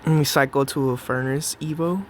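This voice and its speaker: A man's voice: fairly high pitch, fairly even intonation, fairly quick, a little hiss or hum. A young man giving casual, jokey commentary on his own match, talking to himself and to his opponent. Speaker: gameplay commentator. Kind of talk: live gameplay commentary.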